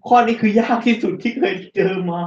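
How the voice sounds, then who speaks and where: A man on a quiz show, fairly high-pitched, rambling as he thinks out loud and repeats himself. He sounds roomy and a bit dull, as if in an echoey studio with a lo-fi recording. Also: fairly even intonation, quick pace. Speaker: quiz contestant. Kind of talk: casual talk.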